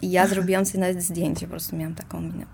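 A woman's voice: on the low side, level tone, racing, vocal fry, background noise. A woman in casual conversation, talking reflectively and self-mockingly, with many hesitations and small laughs.

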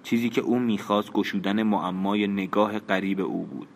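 Low-voiced male audiobook narrator, measured and even. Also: creaky, a little hiss or hum.

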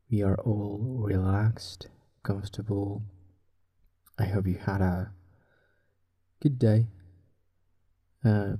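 A native Spanish-speaking man with a Spanish accent hosts a sleep podcast, doing soft, relaxing bedtime talk and story reading. His voice sits low and sounds soft, breathy, and husky, delivered in a hushed, unhurried way that drifts toward a whisper.

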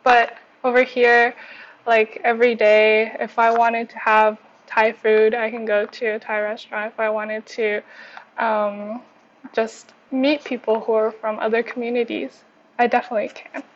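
A woman from Canada with a slightly high voice talks in an upbeat, friendly way in a casual discussion. Her sound is muffled and lo-fi, like an online call. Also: flat delivery, a little slow. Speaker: panel guest. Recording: dull lo-fi recording.

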